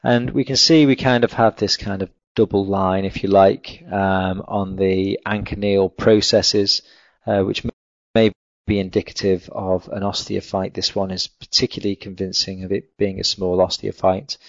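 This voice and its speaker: A man lecturing on a clinical case over slides, in a measured, technical way with frequent fillers. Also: sits low, little pitch movement, no echo. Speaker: veterinary lecturer. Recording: dull lo-fi dry recording.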